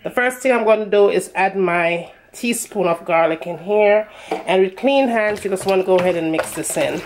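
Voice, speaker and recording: A woman's voice: medium pitch, normal speed, a little hiss or hum. A woman with a Jamaican accent narrating a recipe as a home cook, casually instructing viewers directly. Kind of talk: casual cooking tutorial narration.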